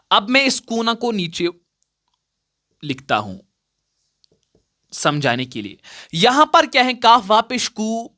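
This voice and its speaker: A man's voice: high voice, bright, forceful tone. Give me a man teaching recitation rules at a board, patient and repetitive, asking the class questions. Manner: patient, repeats points and asks the class questions before answering them.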